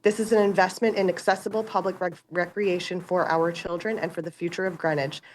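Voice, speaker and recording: A woman with a sick, rough voice, dialing in over a video call to read a prepared statement. Her voice is lower than most women's. Her delivery is steady and formal, with faint noise behind her. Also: a little fast, poor audio. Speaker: parent, public commenter on Zoom.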